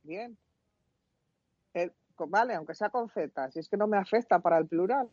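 A man's voice: high voice, moderate pace, darkish tone, dry recording, dull audio. A man from Spain co-hosting a podcast, bantering playfully and spelling words out in a mock-pedantic way. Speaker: podcast co-host. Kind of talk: casual banter.

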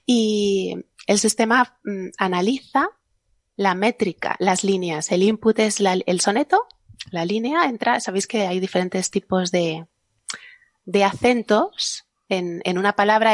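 A woman's voice: mid-range voice, no echo, studio quality. A woman guest on a science podcast panel, explaining her research casually, laughing often and restarting her sentences.

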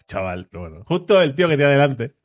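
A young man from telling a lively anecdote in casual chat, mimicking people he met. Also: mid-range voice, husky. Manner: animated storyteller, mimics voices of people in the queue.

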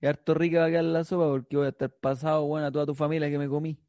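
Chilean man, warm mellow voice, dry close sound, swearing, mocking. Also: a little high, little pitch movement, dry recording. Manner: profane, mocking, quick comebacks. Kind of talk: crude comic banter.

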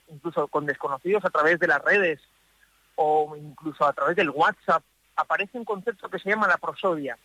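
A man speaking as a psychologist guest on a radio show from a parked car, thoughtful, with pauses and restarts. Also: on the high side, pushed and bright, dry recording, rough recording. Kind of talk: explanatory radio talk.

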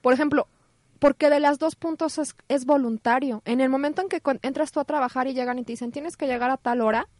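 A woman's voice: high-pitched, steady tone, quick pace, darkish tone, dry recording, clean studio sound. A woman with a Mexican accent in casual chat, teasing and giving everyday examples. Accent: Mexican Spanish.

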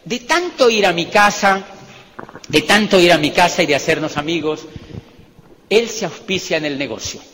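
A man with a Colombian accent speaks with a bright, high-pitched voice as he tells a motivational story. He repeats phrases for emphasis and jokes about himself. The sound has a long hall reverb and a faint hiss of background noise. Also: lively intonation, normal speed. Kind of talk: storytelling talk to a live audience.

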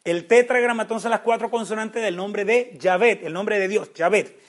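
High-voiced man teaching a Bible class. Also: normal speed. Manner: asks questions then answers them; restarts words often, animated.

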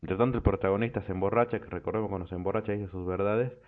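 A man hosting a show, retelling anime episodes in an animated, profane, casual way. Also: on the low side, racing. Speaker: radio show host. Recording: tinny phone-like line.

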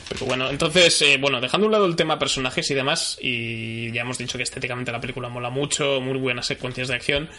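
Bright-voiced man from steering the talk. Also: mid-range voice, slight background noise. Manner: measured, steers the discussion. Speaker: podcast co-host. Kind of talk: casual film chat.

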